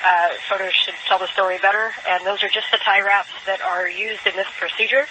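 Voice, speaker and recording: A clearly noisy space radio link carries a woman's voice at a medium pitch. She is an astronaut speaking to the ground. Her reporting is methodical, detailed and procedural. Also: flat delivery, a little fast, bright, forceful tone. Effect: space radio transmission. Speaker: astronaut crew member.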